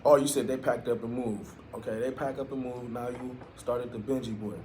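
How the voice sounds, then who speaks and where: An American man with a mid-pitched voice hosts a loose, casual interview. He talks in profane street slang and chimes in with brief agreement, over faint background noise. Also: fairly even intonation, brisk, mellow. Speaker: podcast host, interviewer.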